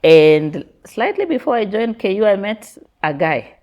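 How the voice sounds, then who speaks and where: A woman's voice: mid-range voice, sing-song, unhurried, dull audio. A Kenyan woman in her thirties, a podcast guest candidly telling her life story, laughing often and mixing Swahili slang into her English. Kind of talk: personal storytelling interview.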